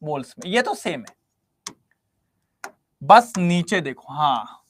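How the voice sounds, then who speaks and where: A man's voice: on the high side, sing-song, slow pace. A man teaching chemistry in an online class, constantly quizzing his students and coaxing them to answer.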